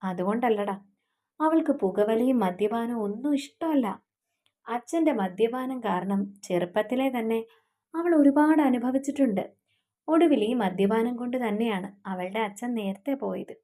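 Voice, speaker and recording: A woman's voice: a little high, expressive, normal speed, dark tone. A woman voicing an earnest young man, engaged and devoted to his fiancée, who speaks in a pleading way.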